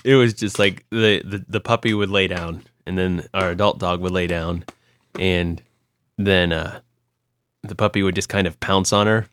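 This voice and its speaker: This young man from Ohio co-hosts a podcast, telling stories in a casual, rambling chat full of fillers and restarts. His voice sits low and steady, moving at normal speed with a fairly bright tone. There's slight background noise.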